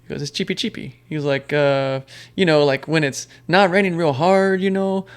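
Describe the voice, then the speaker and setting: A man's voice: a little high, little pitch movement, moderate pace, clean tone. A man talking casually as a podcast guest, telling rambling stories full of fillers and restarts. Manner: rambling storyteller with many fillers. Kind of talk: casual conversation.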